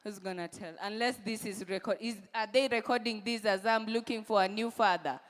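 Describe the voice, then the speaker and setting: A woman's voice: fairly high pitch, fairly quick, in a large hall. A woman in her twenties with a Kenyan accent doing stand-up comedy, teasing the audience and repeating lines for emphasis. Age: 20s.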